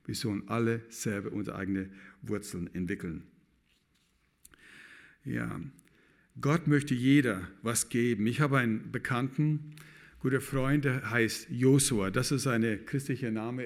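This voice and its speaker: A man's voice: mid-range voice, measured pace, gravelly. Middle-aged guy preaching, keeps asking the crowd stuff, grammar all loose and broken. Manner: lively, addresses the congregation with questions. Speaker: pastor. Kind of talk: sermon to a congregation.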